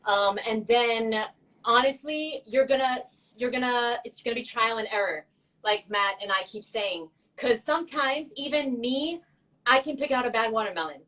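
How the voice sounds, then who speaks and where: A chatty woman with a fairly high voice, joking and laughing as she talks. She sounds a little distant, set back from the microphone. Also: moderate pace, fairly bright tone. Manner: chatty, laughing, playful asides. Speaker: co-host. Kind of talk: casual chat.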